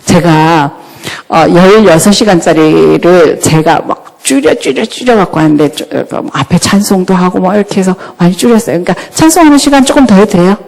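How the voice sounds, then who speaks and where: A woman giving a church talk on parenting, lively and often asking the audience questions. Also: lowish voice, fairly quick, gravelly. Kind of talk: church lecture. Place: church hall. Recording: long hall reverb.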